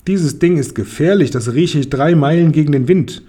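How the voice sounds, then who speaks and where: A man putting on a pompous storybook pharaoh, a ruler who mocks and commands with sudden bursts of laughter. The voice is mellow and a little husky, swinging between booming orders and cackling. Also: normal speed, lightly acted. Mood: suspicious, commanding. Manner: boisterous, bossy, bursts of laughter. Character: pompous mocking male pharaoh, quick to laugh. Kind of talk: audiobook character voice.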